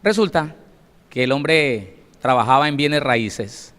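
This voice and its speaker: A male pastor leads a sermon-style Bible study, telling stories with emphasis and speaking directly to his listeners. His medium-pitched voice is a bit bright, with lively intonation, and he takes it slowly. The recording carries a long hall reverb.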